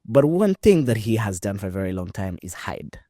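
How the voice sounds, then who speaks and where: Low-voiced male host from Rwanda, emphatic and chatty, dry close sound. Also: brisk, no echo. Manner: lively, emphatic, with frequent fillers. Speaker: podcast host. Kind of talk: conversational interview.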